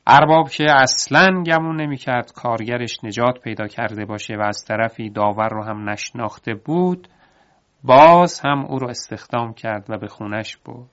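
A man narrating an audiobook folk tale in a steady, expressive storytelling voice. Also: mid-range voice. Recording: dull lo-fi audiobook recording.

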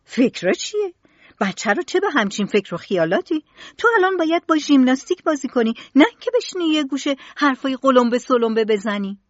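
A woman voicing an angry, strict mother who scolds her young son loudly and fast. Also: high voice, big pitch swings, no room sound, pitched above the performer's own voice. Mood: angry scolding. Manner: scolding, shouting, rapid. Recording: dull lo-fi recording.

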